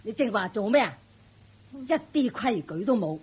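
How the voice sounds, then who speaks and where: Acting in a Cantonese radio drama, a woman plays a haughty, domineering rich matriarch and mother-in-law, scolding and mocking in a scornful mood. Her voice is a little high, animated, a little mellow and husky, at normal speed.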